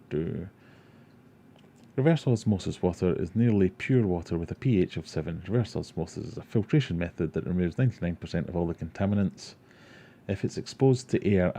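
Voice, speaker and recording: Hosting a livestream about his aquarium, a man from Glasgow, Scotland answers chat questions in an easygoing way, drifting into self-deprecating tangents. His voice is low-pitched and warm, with slight background noise.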